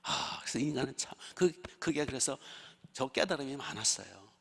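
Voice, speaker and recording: Older male pastor, husky gravelly voice, lively story-driven sermon, long church-hall reverb. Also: mid-range voice, moderate pace. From Chungcheong region, South Korea. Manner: lively storytelling with rhetorical questions to the congregation. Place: church sanctuary.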